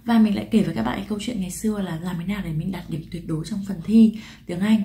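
Her voice is mid-range and warm as this woman from Vietnam moves briskly through an English pronunciation lesson aimed at the camera. She addresses viewers directly, supplies answers to her own questions, and elongates the example words.

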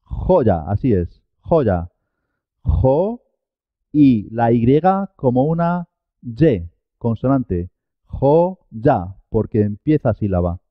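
A man's voice: medium pitch, sing-song, slow, dry recording, narrow, tinny audio. A man teaching a Spanish pronunciation lesson, carefully enunciating each sound and model word. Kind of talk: slow, clear pronunciation lesson.

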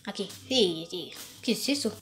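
A woman doing playful plush-toy role-play of a video game, jumping quickly between excited, squealing character voices. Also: medium pitch, loud music behind the voice.

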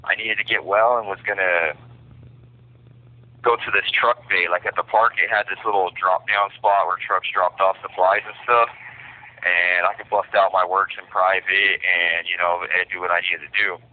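Low-voiced man over a tinny phone. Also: little pitch movement, slight background noise. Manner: halting, many fillers, frank. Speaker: prisoner telling his own story. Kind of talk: personal confession by phone. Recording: tinny prison phone line.

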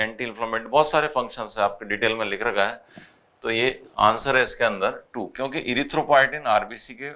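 Indian man, biology teacher walking through test solutions, bright crisp voice, Hindi-English mix. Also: on the low side. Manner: mixes Hindi with English, reads questions slowly.

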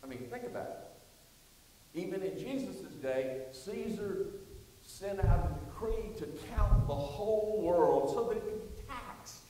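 Slow high-voiced pastor in an echoing church. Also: male voice, animated, warm tone. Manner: calls for answers from the congregation. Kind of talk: sermon with scripture reading. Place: church sanctuary. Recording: echoey church hall, distant mic, faint hiss.

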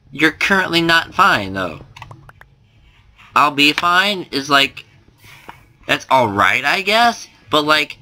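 A young man with a slight lisp offers casual gameplay commentary in a mid-range, sharp-toned voice. He rambles and puts himself down, with lots of fillers and restarts.

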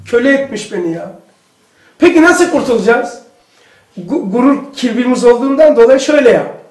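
High-voiced man giving an echoey religious lesson. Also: a little fast. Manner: animated storytelling, acts out quoted speech. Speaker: religious teacher.

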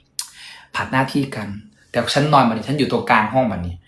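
A young man chats away in a casual vlog, joking and poking fun at himself. His voice sits at a middling pitch and echoes around a roomy hotel room. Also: a little fast, fairly bright tone. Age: young adult. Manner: chatty, joking, self-deprecating. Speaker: vlogger and singer.

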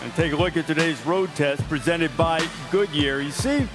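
A man's voice: a little high, moderate pace, music in the background. A man hosting a live sports broadcast, presenting segments and setting up the analysis. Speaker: sports TV host. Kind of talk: live studio-desk hosting. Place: outdoor broadcast desk.

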